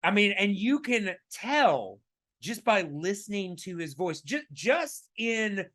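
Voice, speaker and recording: A man with a raspy, fairly high voice, chatting casually on a podcast. He talks emphatically, stopping and restarting his sentences often, with plenty of fillers. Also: very animated, slow, fairly bright tone. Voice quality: raspy today. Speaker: podcast co-host.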